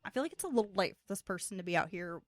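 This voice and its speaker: A woman's voice: medium pitch, expressive, rapid-fire, no room sound, studio quality. A woman co-hosting a casual true crime podcast, talking in a brassy, joking way. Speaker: podcast co-host.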